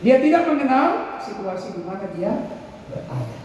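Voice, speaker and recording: High male preacher, storytelling sermon with call-and-response, far off in a booming hall. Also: huge pitch swings, normal speed, a little mellow, muffled recording. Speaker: pastor. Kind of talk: sermon to youth. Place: large school hall, indoors. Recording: echoey hall, distant mic, faint room noise.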